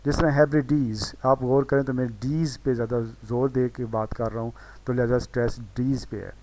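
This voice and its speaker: Patient man teaching pronunciation slowly. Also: mid-range voice, steady tone, warm tone. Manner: explains patiently, repeats example words slowly; self-correcting with "sorry". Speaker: English teacher. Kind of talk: recorded lesson.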